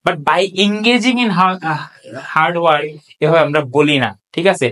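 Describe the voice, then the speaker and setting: A tutor talks through exam answers in a recorded lecture, at a middling pitch. Each point comes with rhetorical questions and quick checks that listeners are following. English example sentences are read out slowly and deliberately. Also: lively intonation, fairly bright tone. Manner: explains step by step, asks rhetorical questions, checks understanding. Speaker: English tutor for admission exams.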